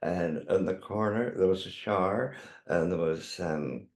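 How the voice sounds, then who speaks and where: Speaking in a low, unhurried and slightly mellow voice, an older man with a Northern Irish accent looks back on his life as a drag performer. As an interview guest he chats and rambles, using repeated tags, and the room is echoey.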